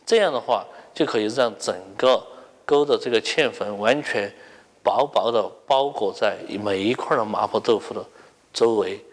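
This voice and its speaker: A man's voice: fairly low pitch, moderate pace. A man explaining a cooking technique step by step, as a cook in an interview. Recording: long reverberant room echo.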